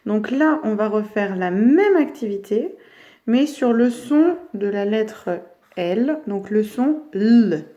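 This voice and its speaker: Slow-speaking teacher woman. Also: mid-range voice, lively intonation, mellow, muffled recording. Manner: slow, drawn-out words for children. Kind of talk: phonics lesson for young children.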